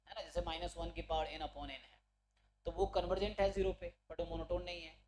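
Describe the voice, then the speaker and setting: A maths teacher with a high voice gives an online exam-prep lecture, explaining step by step and checking in with his students often. He sometimes corrects himself mid-sentence. The recording is low quality, with a little hiss or hum.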